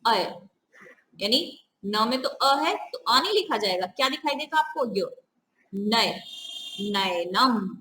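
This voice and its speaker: A woman's voice: on the high side, sing-song, slow pace, pauses often, bright, forceful tone, echoey room, rough recording. A woman teaching a grammar lesson step by step, often asking the viewers questions. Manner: repeats "ठीक है", asks the viewers questions.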